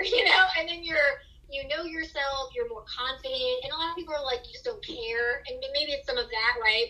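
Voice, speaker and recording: A woman talks as a guest in a casual podcast interview. Her voice is high and bright and forceful, and she is animated, laughing often as she acts out her own thoughts. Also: low-quality recording.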